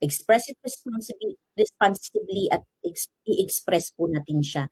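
A woman with a husky, slightly breathy voice gives advice at a measured pace. She explains patiently and checks in with a soft "no?" after her points. The sound is dry and close, with almost no room around her. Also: mid-range voice, no echo, low-quality recording. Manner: calm, explanatory, ends phrases with "no?". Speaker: guest coach. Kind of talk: advice talk on a talk show.

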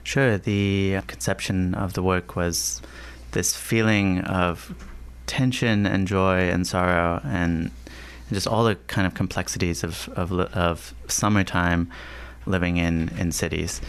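A man from Washington, D.C. talking as a composer guest in an interview, pausing and restarting phrases as he searches for words. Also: sits low, steady tone, clear, resonant tone. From Washington, D.C., USA. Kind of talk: thoughtful conversational interview.

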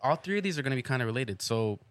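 A man's voice: medium pitch, lively intonation, very fast, clean tone. A man chatting casually with friends in an informal, slangy way, dropping wry remarks. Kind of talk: casual chat and joking among friends.

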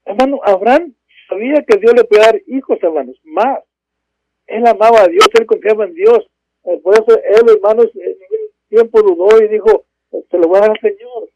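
A man's voice: high-pitched, normal speed. A man preaching a sermon from home, fervent, calling out to his brothers and crying praise between verses. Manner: fervent, repeats "hermanos" and bursts of "gloria a Dios, aleluya". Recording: dull, dry lo-fi recording.

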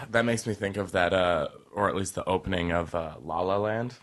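A man's voice: sits low, normal speed, a little hiss or hum. A man co-hosting a casual podcast, rambling with lots of "like" and "uh" and laughing easily. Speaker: podcast co-host. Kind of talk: casual chat.

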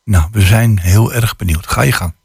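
Gravelly-voiced male radio host. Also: lowish voice, normal speed, a little mellow, dry recording, studio quality. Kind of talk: relaxed radio interview.

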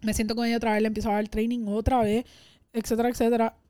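A woman's voice: fairly high pitch, flat delivery, rapid-fire, warm tone, dry recording, clean studio sound. A woman telling workplace anecdotes in casual conversation, now and then slipping English words in. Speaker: podcast co-host. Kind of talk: casual storytelling chat.

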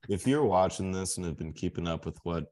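A man's voice: low-pitched, a little fast, crowd noise. A man co-hosting a casual sports podcast, making his points emphatically and repeating words as he builds them. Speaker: podcast co-host.

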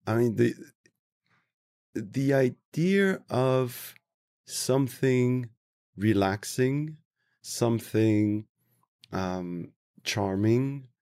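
A low, gravelly man from Tunisia speaks as an interview guest. He is reflective and unhurried, pausing to search for his words. The recording is dry and close. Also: a little mellow, dry recording. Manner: thoughtful, slow, searching for words. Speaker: interview guest, travel industry professional.

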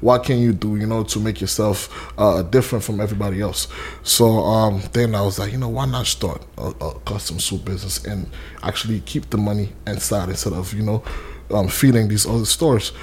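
A young man from Haiti tells his story in a relaxed interview. His voice sits fairly low, and he rambles with plenty of fillers and restarts. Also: a little fast, slight background noise. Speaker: interview guest, custom suit maker. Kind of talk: casual interview.

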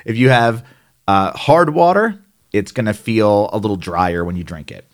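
A man with a New Jersey accent talks through care steps in a casual explainer style. His voice sits a little on the low side, and his delivery is plainspoken and chatty, with the odd aside thrown in. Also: normal speed. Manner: conversational, plainspoken, with asides and fillers. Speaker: hot tub care instructor. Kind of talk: instructional explainer.

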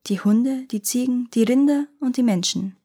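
A woman reading a fairy tale aloud as a podcast storyteller, lively and expressive. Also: a little high, moderate pace, breathy edge.

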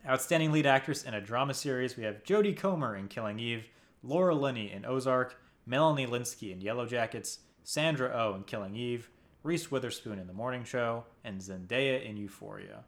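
A man hosting a casual chat about TV awards, earnest and quick to laugh, with hesitant fillers. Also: mid-range voice. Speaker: podcast host.

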